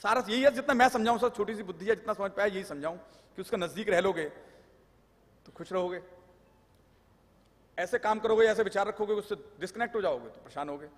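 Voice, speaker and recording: A man's voice: high-pitched, fairly quick, pauses often. A man giving a live lecture on tax law, explaining with jokes and anecdotes and mixing in English terms. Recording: long hall reverb.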